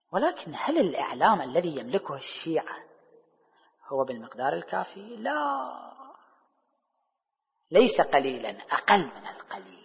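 High, lively male preacher in a hall. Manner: rhetorical questions answered himself, swinging between soft and loud. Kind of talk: religious sermon. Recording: dull hall recording with long reverb.

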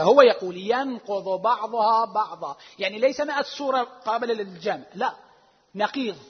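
Husky high-voiced man lecturing in a hall. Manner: emphatic, drawn-out stresses, swings between loud and hushed; rhetorical questions to the audience. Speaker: religious lecturer. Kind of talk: religious lecture citing sources. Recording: dull lo-fi recording with long hall reverb.

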